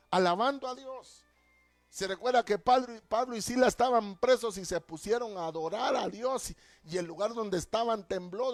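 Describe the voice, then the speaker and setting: High-voiced fervent man preaching. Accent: Guatemalan Spanish. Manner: fervent preaching, often addressing listeners as brother. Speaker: pastor. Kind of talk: sermon.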